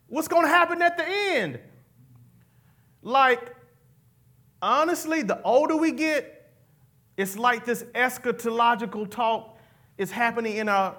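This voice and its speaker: A man preaches a sermon, pulling the congregation into call-and-response. His voice sits high and rings bright. He drops folksy asides between his lines. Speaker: pastor.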